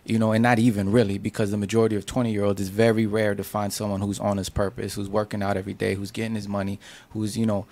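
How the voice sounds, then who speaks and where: A man's voice: fairly low pitch, level tone, fast talker, few pauses, a little mellow. A man co-hosting a casual podcast, lecturing a guest with dating advice. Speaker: podcast co-host.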